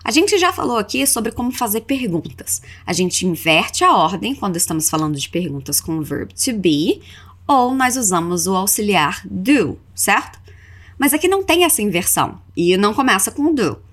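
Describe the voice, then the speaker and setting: A woman with a Brazilian accent, hosting a podcast, teaches a scripted language lesson built on repeat-after-me drills. She speaks at normal speed and medium pitch, very animated, with a fairly bright tone. Her delivery is instructive, with example phrases carefully enunciated for repetition.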